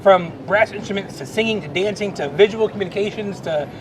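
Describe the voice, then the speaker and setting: A man's voice: a little fast, crowd noise. A middle-aged man talking earnestly and with feeling in a casual chat, with many restarts. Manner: earnest, emotional, rambling with restarts. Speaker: Salvation Army officer. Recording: noisy background rumble.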